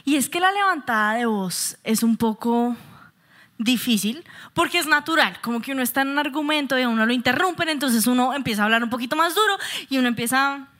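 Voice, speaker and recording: A woman preaching alongside a co-pastor, candid and expressive, sharing personal stories. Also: sits high, brisk. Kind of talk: sermon with candid personal examples.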